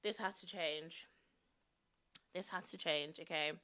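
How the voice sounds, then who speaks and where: A young woman vlogger chatting casually to her viewers in an animated, self-mocking way, with a slight vocal fry. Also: fairly low pitch, a little slow. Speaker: YouTube vlogger. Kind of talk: casual chatty vlog talk to camera.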